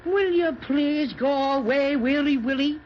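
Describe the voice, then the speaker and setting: A performer voicing a cheerful, protective little cinnamon teddy bear who reassures the children and is bossy toward the stork, in a 1930s radio drama. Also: female voice, high-pitched, unhurried, a little hiss or hum. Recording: dull old 1930s radio transcription.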